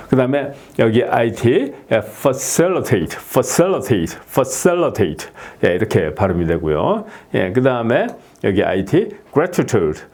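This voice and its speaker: A man teaching English pronunciation, filling pauses with "yes" and repeating each word slowly. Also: on the low side, darkish tone. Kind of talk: explaining lesson to camera.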